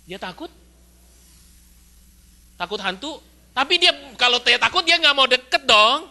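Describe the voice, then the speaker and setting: A man's voice: extremely high pitch, measured pace, vocal fry. A male pastor from Indonesia giving a sermon in a church, chatty and full of rhetorical questions. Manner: lively, conversational preaching with rhetorical questions.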